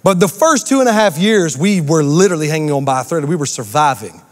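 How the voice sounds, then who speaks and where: Male pastor, animated sermon delivery, high voice, big church reverb. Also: quick pace. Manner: animated, preaches to a congregation with asides and call-outs. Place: church auditorium.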